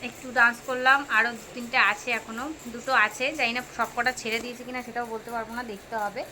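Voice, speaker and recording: A woman's voice: a little high, little pitch movement, fast talker, pushed and bright, a little hiss or hum. A young woman, chatting casually to viewers in a home vlog, often cooing at her child. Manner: chatty, talks baby-talk to her child. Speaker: vlogger. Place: home indoors.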